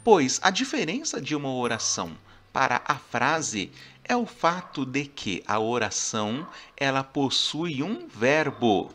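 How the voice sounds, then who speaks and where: A man's voice: medium pitch, big pitch swings, unhurried, fairly bright tone. A man teaching a grammar lesson, explaining step by step and often checking in with his listeners. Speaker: language teacher.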